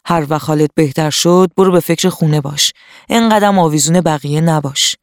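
A strong, stern male tiger in a children's radio story, voiced by the storyteller, who speaks in firm, scolding tones. He lectures with a low growl at times. The recording is dry and close. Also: no room sound, lightly acted. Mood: reasoning.

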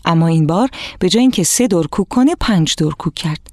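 A woman narrating a storybook for children, lively and expressive, speaking to the young listeners directly. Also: lowish voice, no echo.

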